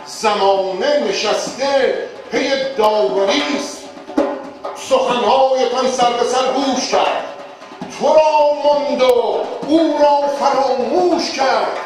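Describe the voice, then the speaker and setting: A man giving a grand, theatrical recitation of epic poetry as a traditional storyteller, declamatory and dramatic. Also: extremely high pitch. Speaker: Shahnameh storyteller (naqqal). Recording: very echoey, distant mic, music behind.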